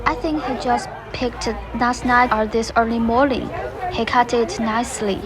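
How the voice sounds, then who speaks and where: A woman's voice: on the high side, fairly even intonation, a little slow, a loud crowd. A young woman from rural Sichuan with a Chinese accent, guiding a walking tour and explaining things plainly. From Sichuan, China. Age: young adult. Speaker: tour guide. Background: background music.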